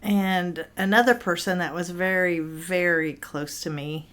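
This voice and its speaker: A middle-aged woman from Indiana, a podcast guest giving soft, brief, agreeable answers. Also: lowish voice, unhurried. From Indiana, USA. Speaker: guest, host's mother. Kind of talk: casual interview chat.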